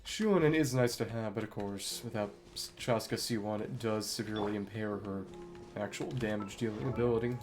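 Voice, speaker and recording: Over video game music, a man offers casual commentary on his play, thinking aloud and murmuring to himself. His voice is fairly low and his delivery brisk.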